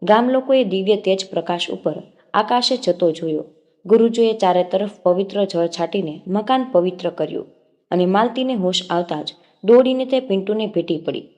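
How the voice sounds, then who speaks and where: Mellow-voiced woman narrating a ghost story. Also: mid-range voice, moderate pace, lo-fi sound.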